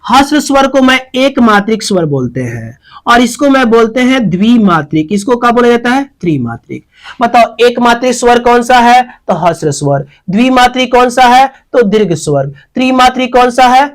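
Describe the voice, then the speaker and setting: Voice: medium pitch, animated, moderate pace, rough recording. A teacher gives an exam-focused grammar lesson beside a teaching board, asking questions and answering them while repeating key terms.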